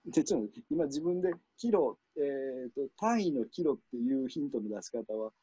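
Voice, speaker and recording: A man with a Kansai accent hosting a word game, explaining rules in a relaxed, chuckling way. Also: medium pitch, normal speed, breathy edge, no room sound, highs cut off. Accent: Kansai Japanese. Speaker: game host and referee. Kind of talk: casual game commentary.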